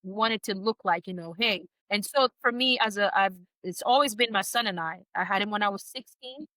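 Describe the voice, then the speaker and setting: Bright-voiced woman speaking earnestly. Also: mid-range voice, no echo. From United States. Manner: earnest, halting, with frequent restarts. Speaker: podcast guest. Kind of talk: emotional personal conversation.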